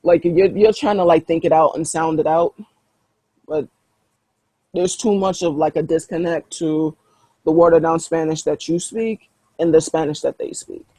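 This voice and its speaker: A man's voice: a little high, steady tone, moderate pace, dark tone, dry recording, poor audio. A man narrating as game master in a tabletop role-play, rambling with lots of fillers. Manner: rambling, filler-heavy, casual.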